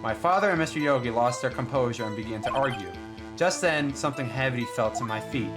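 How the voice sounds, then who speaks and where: Grave, composed young prosecutor, even and measured, read by a man. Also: mid-range voice, over music, natural voice. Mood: solemn. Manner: measured, solemn.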